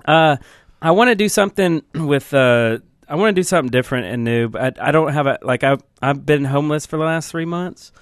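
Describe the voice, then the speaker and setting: A man's voice: a little high, fairly quick, no room sound, clean studio sound. A man co-hosting a casual podcast, talking hesitantly with lots of fillers. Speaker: podcast co-host. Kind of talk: casual chat.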